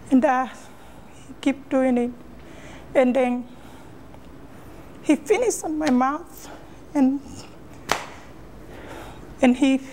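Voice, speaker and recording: High-voiced woman recounting an ordeal. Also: darkish tone, slight background noise. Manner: halting, repeats phrases, non-native English grammar. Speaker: interviewee. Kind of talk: emotional personal account in an interview.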